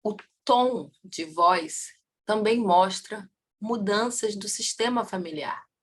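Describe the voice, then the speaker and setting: Lively Rio-woman lecturing a class. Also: medium pitch, takes it slowly, husky. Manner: asks the class rhetorical questions and answers them; lively, swings in loudness and pace. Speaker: family constellation teacher.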